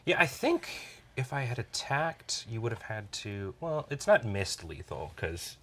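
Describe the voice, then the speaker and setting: A man casually talking through his own turns in a card game, halting with fillers and restarts. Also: mid-range voice, big pitch swings, a bit bright, slight background noise.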